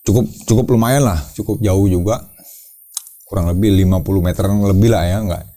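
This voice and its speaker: The leader of a caving team, speaking deeply and briskly, gives an interviewer a casual, energetic account. He repeats his words and dramatizes the shouts along the way.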